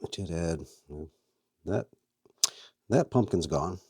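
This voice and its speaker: A man's voice: low-pitched, animated, slow, dark tone, husky, no room sound, studio quality. A man hosting a casual how-to video, chatting as he works and talking to his worms. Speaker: vlog host and worm farmer.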